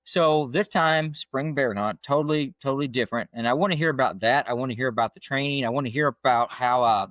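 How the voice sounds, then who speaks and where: A man's voice: mid-range voice, a little fast, few pauses, fairly bright tone, no echo. Upbeat male podcast host, dry sound. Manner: upbeat, friendly questioning. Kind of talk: podcast interview.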